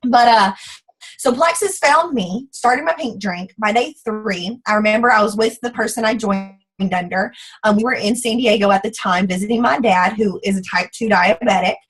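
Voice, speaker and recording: Husky woman telling her story. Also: medium pitch, moderate pace, poor audio. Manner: chatty, animated storytelling with acted-out quotes. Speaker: product distributor giving a testimonial. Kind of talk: personal testimony talk.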